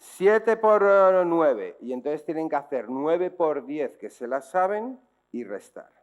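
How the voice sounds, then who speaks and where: Addressing parents and teachers in a public talk, a Spanish-accented dyslexia speaker from Spain teaches in a didactic style, regularly posing rhetorical questions to check in. He speaks a little slowly, his slightly high voice expressive and a little mellow.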